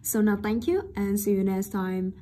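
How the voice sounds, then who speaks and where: A woman's voice: mid-range voice, little pitch movement, a little slow. A woman English teacher giving a bilingual classroom lesson on intonation, checking in with her listeners and correcting herself as she goes. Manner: keeps checking in with listeners, repeats rhetorical tag questions; mixes in short English words and self-corrections.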